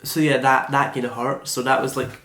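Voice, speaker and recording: Brisk and flat in delivery, a mid-range male voice comes through a camera mic with reverb and background noise. He is a vlogger of around eighteen or nineteen, musing earnestly about himself on his birthday, rambling and filling gaps with "like."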